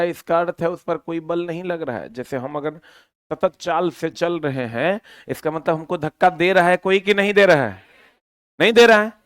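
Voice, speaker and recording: High-voiced man teaching a physics class. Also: clean tone, no room sound. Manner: lively, quizzing students with repeated questions. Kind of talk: physics lesson for students.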